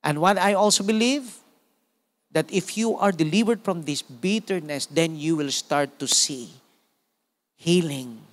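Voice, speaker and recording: A Filipino-accented male pastor in his forties preaches with lively energy, punctuating his points with amen and praise God. His voice sits a little higher than most men's. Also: a little slow. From Philippines. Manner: animated preaching with frequent call-outs of amen and praise God. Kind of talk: sermon.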